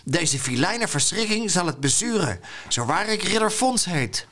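A man reading aloud from a children's book, voicing a pompous young would-be knight who speaks in grand, high-flown phrases. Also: very animated, moderate pace, bright, forceful tone, exaggerated voice. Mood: boastful.

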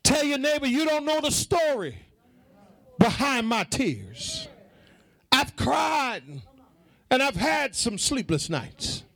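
A man with a very high-pitched voice preaches a fervent sermon to his congregation, taking it slowly but delivering it in a very animated way with vocal fry. He is emphatic and repetitive, calls for responses, and rises into shouted, half-sung phrases.

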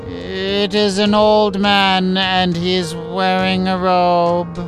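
Fearful old witch-medium, strained and theatrical, read by a man; pitched well up. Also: completely flat delivery, takes it slowly, over music. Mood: entranced. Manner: strained, dramatic, cries out.

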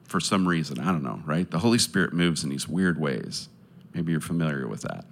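This man's low, gravelly voice carries lively intonation as he gives an earnest testimony and orphanage appeal to a live audience, talking casually and a little fast. He sounds hesitant, with many fillers and restarts.

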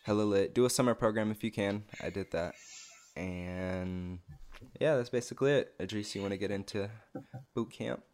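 Deep-voiced young man, laughing and blunt. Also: moderate pace, a little mellow. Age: young adult. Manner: laughs often, slangy and blunt. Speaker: podcast co-host. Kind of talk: casual chat.

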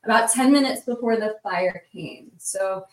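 Woman guest, mid-pitched, vivid breathless storyteller, recorded off the mic. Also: a little slow, far from the mic. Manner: vivid, breathless retelling with many "like" fillers. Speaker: roundtable guest. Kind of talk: casual storytelling. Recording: roomy sound from off the mic.

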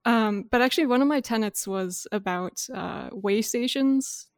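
A woman's voice: on the high side, a little slow, no room sound, clean studio sound. A woman brainstorming ideas in casual chat, hesitant and full of fillers. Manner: hesitant, many fillers, laughs often. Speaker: worldbuilding collaborator.

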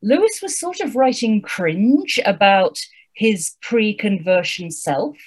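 Her medium-pitched voice is slow and slightly rough as she co-hosts a laid-back book podcast. She's wry and reflective, and she reads excerpts aloud with obvious enjoyment and energy.

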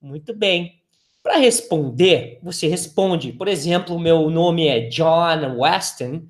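A man with a Brazilian Portuguese accent, teaching English and saying phrases slowly and clearly so learners can repeat them. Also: a little high. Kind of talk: language lesson with repeat-after-me drills. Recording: echoey room.

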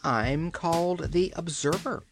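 A woman's voice: fairly low pitch, a little slow, background noise, voice pushed up, lightly acted. A woman voicing a gloomy, fussy little man who wails and complains about everything. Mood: fretful. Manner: wailing, complaining.

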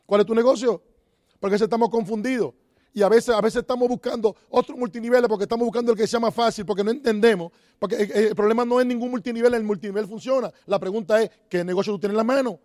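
A man's voice: high-pitched, steady tone, quick pace, a little mellow, no room sound, studio quality. A man giving a motivational talk on network marketing, asking the audience rhetorical questions and repeating key phrases. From Dominican Republic.

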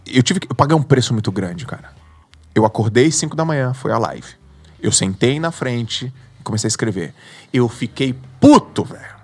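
Brazilian guy guest on a podcast, bit breathy, slangy, swears a lot, tells it big. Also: medium pitch, lively intonation, moderate pace. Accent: Brazilian Portuguese. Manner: slangy and emphatic, swears, acts out his own inner voice. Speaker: guest, mentor for entrepreneurs. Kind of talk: animated podcast storytelling.

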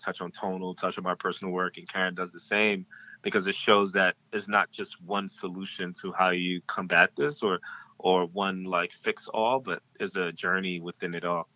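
Deep-voiced man, reflective podcast guest. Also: flat delivery, a little fast, sharp tone, dull audio. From Ghanaian-American. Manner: reflective, with many fillers and restarts. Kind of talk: casual interview talk.

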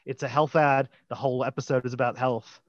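A man co-hosting a podcast, chatting in an animated way and acting out little quotes. His voice sits in a middle pitch. The sound is dull, dry and lo-fi. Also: brisk, dry recording. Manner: animated, laughs, acts out quotes. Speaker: podcast co-host. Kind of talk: casual chat about a TV episode.

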